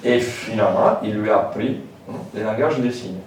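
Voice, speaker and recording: Lecturer in a very echoey hall. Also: male voice, fairly low pitch, normal speed. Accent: French with a foreign lilt. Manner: informal, hesitant, many fillers and asides. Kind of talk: public lecture. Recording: very echoey hall, distant mic, faint noise.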